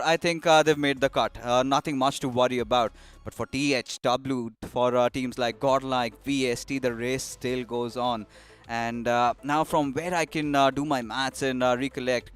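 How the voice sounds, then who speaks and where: An excitable Indian man sitting in as a guest analyst on a mobile esports broadcast, pausing often on fillers. His voice sits mid-range. Faint music sits underneath. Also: mid-range voice, smooth. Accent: Indian English. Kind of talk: esports analyst desk commentary.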